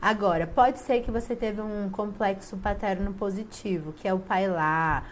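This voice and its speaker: At a normal speed and in a mid-range voice, a woman with a Brazilian Portuguese accent gives viewers a relaxed spiritual talk. As a family-systems teacher, she tells personal stories emphatically and dramatizes the quoted lines; there's a slight hiss or hum.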